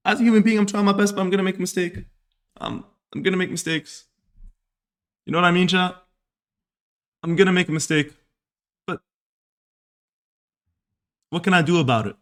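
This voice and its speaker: A young Saudi man with a fairly high, fairly bright voice hosts a streaming podcast. He talks casually to his live chat in an earnest, repetitive, self-reflective monologue.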